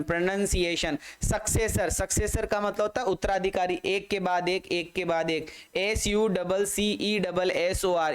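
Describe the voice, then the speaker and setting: High-voiced man spelling out words. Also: clean tone, rough recording. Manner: spells words out letter by letter, slow and drawn out, calls students "beta". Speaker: vocabulary teacher. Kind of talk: spelling and vocabulary lesson.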